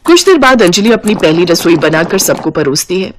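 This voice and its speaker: A woman narrating a scripted cartoon moral story in an even, storytelling manner. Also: on the low side, normal speed, slight background noise.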